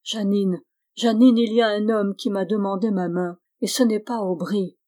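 A woman's voice: medium pitch, steady tone, moderate pace, mellow, lightly acted. A woman reading the part of a feverish, frightened young noblewoman who talks in an anxious, pleading way. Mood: wistful.

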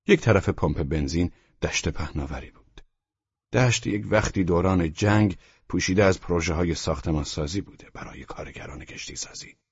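A man's voice: low voice, a little mellow, slightly rough, dry recording. A man narrating an audiobook in the first person with a dry, matter-of-fact reading, on a dull lo-fi recording.

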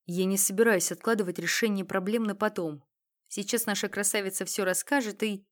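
A woman's voice: medium pitch, fairly even intonation, brisk, lightly acted. A woman voicing a cold, snarling male thug. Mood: mocking calm.

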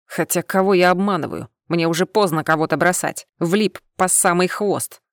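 A woman voicing a gruff, brusque alien man with a tail who growls short commands in an audiobook. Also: lowish voice, moderate pace, no echo, studio quality, lightly acted. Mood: brusque commanding. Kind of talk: audiobook character voice.

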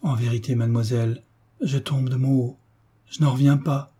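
A man's voice: mid-range voice, fairly even intonation, moderate pace, warm tone, breathy edge, lightly acted. A man voicing a devoted, fawning governess in an audiobook, fussy and deferential. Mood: flustered. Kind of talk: audiobook character reading.

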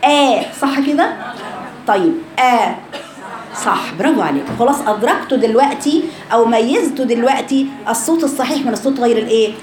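A woman's voice: on the high side, expressive, very fast, a crowd in the background. A woman with an Egyptian accent teaching Quran recitation. She explains the rounded vowel, sounds it out to show it, and quizzes her students. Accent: Egyptian Arabic. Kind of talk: Egyptian Arabic lesson with spoken sound demonstrations. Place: recorded class session. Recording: echoey room with background noise.

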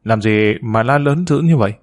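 A man's voice: mid-range voice, normal speed, close to an everyday voice. A man reading as a worried, earnest grown daughter.

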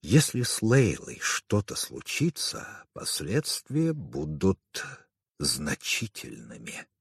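A man's voice: on the high side, huge pitch swings, a little slow, darkish tone, no echo, clean studio sound, pitched above the performer's own voice. An audiobook reader voicing a stern older male hospital chief, formal and authoritative. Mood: menacing.

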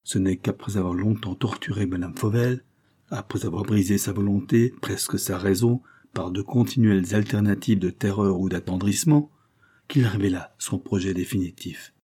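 A man narrating a classic novel as an audiobook in a measured, dramatic way. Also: fairly low pitch, dark tone, husky.

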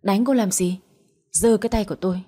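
A woman playing a bitter, vengeful husband, cold and harsh, breathy and mellow. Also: mid-range voice, a little fast, natural voice. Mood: furious. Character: cold, vengeful husband, a man in his thirties.

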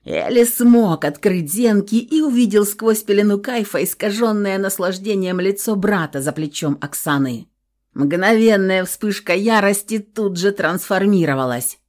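A woman narrating a first-person audiobook in an even, measured reading. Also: mid-range voice.

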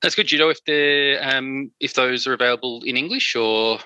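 Bright-voiced man hosting an interview. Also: mid-range voice, a little fast, clear, resonant tone, no room sound, dull audio. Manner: hesitant, friendly questions.

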